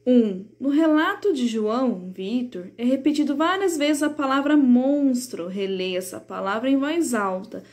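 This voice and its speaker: A woman, teaching a third-grade class in a recorded remote lesson. She explains the textbook patiently and slows down to sound out example words. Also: high voice, a little mellow.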